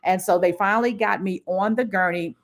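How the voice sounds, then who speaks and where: A woman's voice: mid-range voice, brisk. A middle-aged woman, the host of her own livestream, telling a personal story casually and acting out what people said. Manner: lively storyteller who acts out what people said. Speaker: livestream host and career coach.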